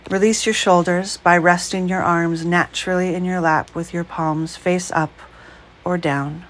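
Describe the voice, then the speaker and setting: A woman leading a guided breath meditation, speaking slowly, calmly and softly. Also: fairly low pitch. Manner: slow, calm, soft-spoken.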